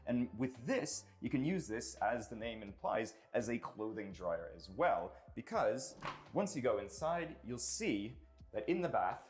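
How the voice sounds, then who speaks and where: A man's voice: mid-range voice, big pitch swings, unhurried, soft background music. A man presenting a property tour in a casual, explanatory way, with chatty asides as he goes.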